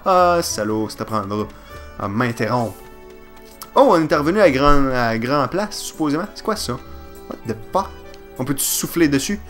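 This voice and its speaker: Excitable Quebec French gamer, animated. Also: male voice, a little high. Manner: excitable, swearing, joking, yelping. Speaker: let's play gamer. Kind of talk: let's play commentary.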